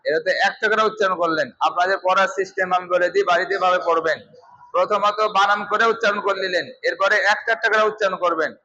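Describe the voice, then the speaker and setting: High-voiced man teaching a Quran class. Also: steady tone, fast, dull audio, a crowd in the background, background noise. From Bangladesh. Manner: instructive, repeats and quizzes the class. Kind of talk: teaching a class, drilling letters.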